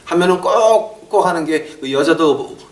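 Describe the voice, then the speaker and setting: A middle-aged man preaching a sermon as a pastor. He talks in an animated way, acts out relatives scolding him and drops short English phrases into his talk. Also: on the high side, a little slow. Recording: roomy echo, mic far off.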